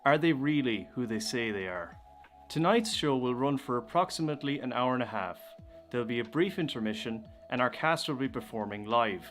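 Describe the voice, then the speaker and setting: A man's voice: medium pitch, lively intonation, a little fast, a bit bright. An Irish man giving a formal introduction before a live stage production. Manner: clear, formal announcing. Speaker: announcer. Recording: faint music behind.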